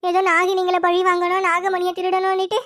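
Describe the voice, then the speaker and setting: A woman's voice: very high-pitched, monotone, a little fast, fairly bright tone, dry recording, clean studio sound. A woman voicing a frantic, anxious mother in a cartoon, pleading and wailing in panic. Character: frantic anxious mother, later a scheming grandmother. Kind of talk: cartoon voice acting.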